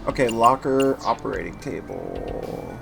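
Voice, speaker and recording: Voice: medium pitch, huge pitch swings, measured pace, gravelly. A game streamer giving casual, playful, joking commentary on a playthrough. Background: faint game music.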